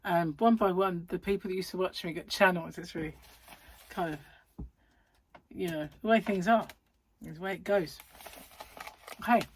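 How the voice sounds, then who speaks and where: A British woman with a husky voice, chatting casually and digressing as she hosts a vlog for her viewers. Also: on the low side, normal speed, long pauses, slight background noise, rough recording. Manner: chatty, often chuckles and digresses. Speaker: vlog host. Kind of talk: casual rambling chat to viewers.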